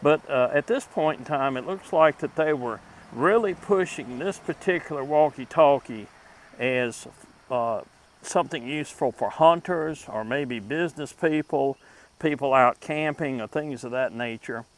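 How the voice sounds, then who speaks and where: Reviewing gear on his vintage electronics channel, a male host with a mid-range voice chats informally about what he is showing. He speaks deliberately but in an unpolished, halting way, and the recording is rough.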